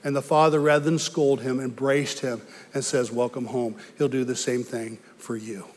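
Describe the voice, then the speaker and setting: Pastor preaching in a reverberant church. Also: male voice, medium pitch, moderate pace. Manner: earnest, storytelling, voice rising when excited. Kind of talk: sermon. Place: church sanctuary.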